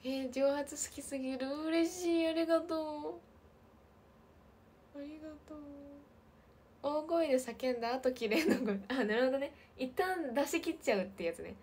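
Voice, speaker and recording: A woman in her twenties with a light lilt, chatting casually on a livestream and reading viewer comments, often slipping into soft half-whispers. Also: high voice, normal speed. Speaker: idol livestream host.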